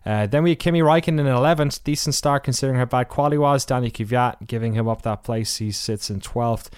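A man with a smooth, resonant voice, recorded close and dry, recaps a race in casual podcast chat. He rambles and restarts, filling gaps with "uh" and "um". Now and then he drops in a wry aside. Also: medium pitch, fast, darkish tone, dry recording. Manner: rambling with many fillers and restarts. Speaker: podcast host.

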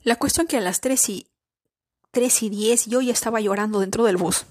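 A woman's voice: fairly high pitch, moderate pace, a little mellow, no echo, clean studio sound. A woman in her thirties hosting a podcast, telling a personal story in a chatty way, speaking straight to her listeners and repeating words as she searches for them. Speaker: podcast host.

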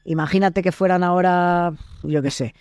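A man's voice: sits high, steady tone, moderate pace, darkish tone, clean tone, dry recording, studio quality. A young Spanish man, an actor, explaining his work in casual interview chat and acting out quoted dialogues. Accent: Spain Spanish. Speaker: actor and podcast guest.

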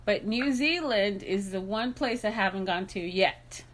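A woman's voice: medium pitch, a little slow, a little hiss or hum. A woman hosting a podcast over a video call, upbeat and bubbly, with lots of fillers as she talks. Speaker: podcast host. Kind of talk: casual interview chat.

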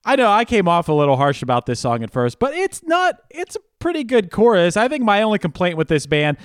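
A man co-hosting a casual music chat, speaking in a measured way and laughing often. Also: high voice, wildly swooping pitch, clean tone, no room sound, studio quality. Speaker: podcast co-host.

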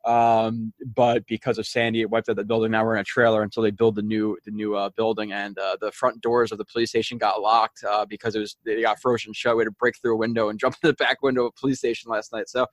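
A man co-hosting a casual football film podcast, talking loosely with fillers and quick laughs. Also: on the low side, level tone, no room sound. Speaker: podcast co-host. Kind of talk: casual film-breakdown chat.

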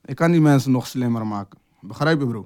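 A man's voice: mid-range voice, fast, darkish tone, no echo, clean studio sound. A young man, a rapper, chatting casually in an interview with laid-back street slang and constant filler phrases. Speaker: rapper guest.

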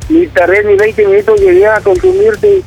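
A man's voice: high voice, big pitch swings, moderate pace, vocal fry, darkish tone, soft background music. A man with a Mexican accent on a phone call, defensive and pleading, repeating his denials. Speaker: prank call target.

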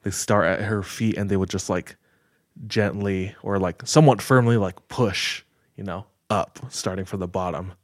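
A man casually retelling a story on a podcast, measured and full of filler words. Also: low-pitched, fairly even intonation, dry recording, clean studio sound. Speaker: podcast host telling a story.

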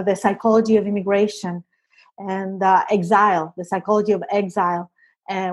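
A middle-aged Venezuelan woman, a psychologist appearing as a guest, answers interview questions thoughtfully in Venezuelan-accented Spanish, with plenty of fillers and restarts. Her mid-range voice is a little mellow and slightly rough.

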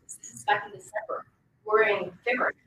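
A woman's voice: mid-range voice, fairly even intonation, fairly quick, a bit bright, slight background noise. A woman in her twenties from Colombia, a political candidate giving emphatic, speech-like answers in an interview. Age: 20s. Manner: emphatic, campaign-speech delivery. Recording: echoey room with faint ambience.

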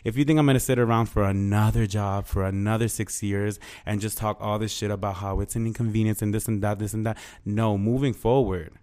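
A man's voice: fairly low pitch, a little mellow. A man hosting a podcast, telling stories in a casual, profane, slangy rant and acting out both sides of exchanges with sassy animation. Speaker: podcast host. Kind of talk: casual ranting monologue to listeners.

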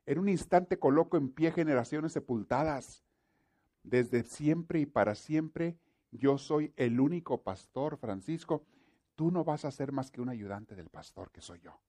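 A mighty male God speaks with solemn, commanding weight, as a preacher puts him on in his sermon. The voice rises well above the man's own pitch, booming and slowed down as it proclaims. Its tone stays warm and mellow throughout. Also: expressive. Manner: solemn, proclaiming, repeats a name insistently.

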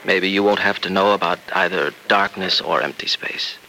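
A gentle young doctor. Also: male voice, sits low, steady tone, moderate pace, a little hiss or hum, low-quality recording. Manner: gentle, coaxing, earnest. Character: young male doctor, kind and reassuring. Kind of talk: 1940s radio acting.

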